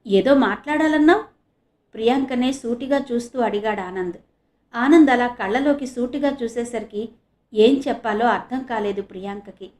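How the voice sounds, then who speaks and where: A woman narrating an audio novel in a calm, even storytelling manner. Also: fairly high pitch, moderate pace.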